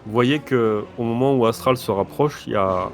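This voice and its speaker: A man narrating as game master, thinking aloud with pauses as he runs the game. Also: mid-range voice. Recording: music behind the voice.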